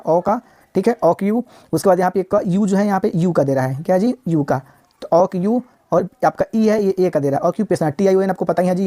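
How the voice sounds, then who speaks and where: A woman with a fairly low, warm voice teaches a recorded vocabulary lesson. She drills each word by repeating it, slowing down to spell and sound it out while posing rhetorical questions to her students.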